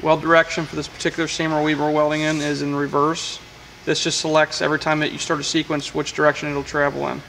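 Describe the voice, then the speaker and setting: A man's voice: on the high side, monotone, quick pace, vocal fry, hardly any pauses, a bit bright, slight background noise, low-quality recording. A man, a welding equipment technician, walking through a machine's control panel in a matter-of-fact way, with frequent fillers, recorded in a workshop on a camera mic. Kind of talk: hands-on equipment demonstration.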